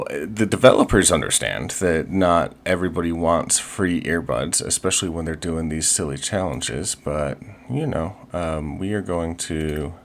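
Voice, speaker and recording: Man, deep voice, casual gameplay commentary, chatty, lots of ums and restarts. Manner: chatty, fillers and restarts, playful pirate talk. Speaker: gaming video host.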